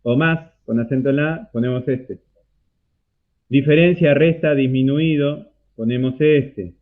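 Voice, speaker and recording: A man's voice: medium pitch, unhurried. A man with an Argentine accent teaching a math class online, explaining step by step and checking in often with a rising "¿sí?". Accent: Argentine Spanish. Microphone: computer mic on a video call. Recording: tinny phone-like video call audio.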